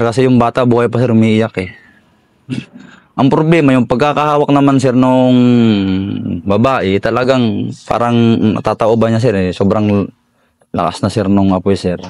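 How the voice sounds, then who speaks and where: Halting soldier saying sir, dry sound. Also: male voice, on the low side, darkish tone, dry recording. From Philippines. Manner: deferential, says "sir" constantly, halting with fillers. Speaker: soldier recounting combat. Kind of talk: interview war story.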